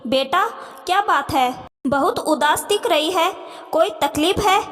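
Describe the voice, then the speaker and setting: A woman voicing a caring middle-aged stepmother who gently coaxes her daughter, in a reverberant room. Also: very high voice, a little slow. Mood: worried.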